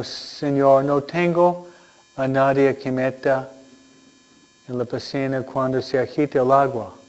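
A man speaking as a priest in solemn church delivery, reading scripture and preaching with deliberate phrasing and frequent pauses. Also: medium pitch, a little mellow, highs cut off. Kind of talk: solemn Gospel reading and homily.

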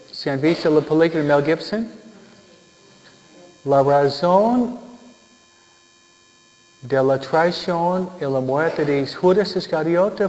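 A man's voice: on the high side, darkish tone. A male preacher giving a humorous sermon, joking and keeping his audience engaged with tag questions. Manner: jokey, keeps asking the listeners "¿no?". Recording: dull lo-fi recording in a reverberant hall.

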